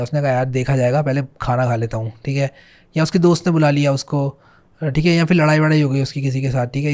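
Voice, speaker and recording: A man hosting a casual screen-share software tutorial in a chatty way, often checking in with his viewers and slowly reading on-screen text aloud. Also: mid-range voice. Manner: chatty, repeats "theek hai" and "bhai", reads on-screen English slowly. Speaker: coding tutorial host.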